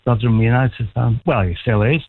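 A man's voice: mid-range voice, fairly even intonation, a little fast, no room sound. A man of sixty calling in to a radio show, talking in a rambling, hesitant, friendly way. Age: 60s. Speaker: caller. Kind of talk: casual phone-in chat. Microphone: telephone. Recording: tinny phone line.

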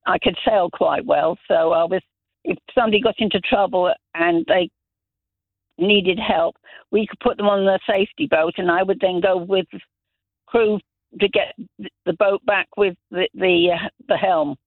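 Over a tinny, dry phone line with no room sound, a middle-aged caller from Zambia chats casually on a radio show. He tells long, rambling stories full of restarts, his high-sitting voice moderately paced and fairly even in intonation.

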